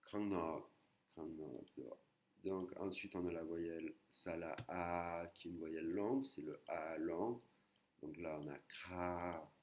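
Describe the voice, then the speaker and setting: A man's voice: low-pitched, a little slow, a little mellow. A man teaching an online language lesson, patiently repeating and breaking words into syllables.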